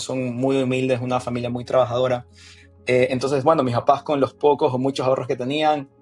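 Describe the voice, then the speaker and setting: A man in his thirties from Ecuador, a podcast guest telling his story in relaxed casual conversation with frequent fillers. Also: mid-range voice, slightly rough.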